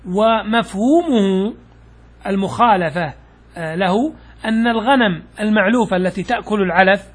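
Husky male scholar giving a patient lecture. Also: high-pitched. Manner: patient, explanatory, with pauses and "uh" fillers; poses questions and answers them himself. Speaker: Islamic scholar teaching jurisprudence. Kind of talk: classroom lecture explaining a text.

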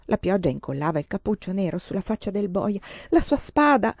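A woman voicing a distraught, feverish young husband who speaks haltingly and with anguish. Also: medium pitch, sing-song, no room sound. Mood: haunted.

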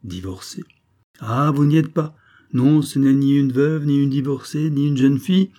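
A man's voice: mid-range voice, moderate pace, warm tone, voice pushed up, lightly acted. Man doing a sly teasing old notary. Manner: teasing, knowing.

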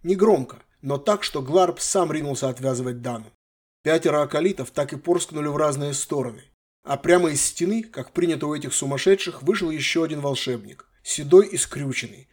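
A man reading a fantasy novel aloud in a measured, expressive way. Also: fairly high pitch. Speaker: audiobook narrator. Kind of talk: scripted fantasy narration.

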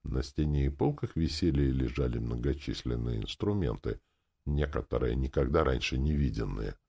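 A man giving calm first-person audiobook narration. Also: very deep voice, normal speed, vocal fry, breathy edge.

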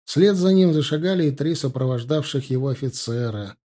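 A man narrating an audiobook in a steady, even storytelling manner. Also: mid-range voice, fairly quick. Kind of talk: scripted narration.

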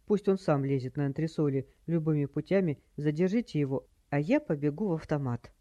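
Brief: narrator as an urgent, hushed boy hero, mellow tone, dull lo-fi sound. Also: medium pitch, fairly quick, natural voice. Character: quick-thinking boy hero.

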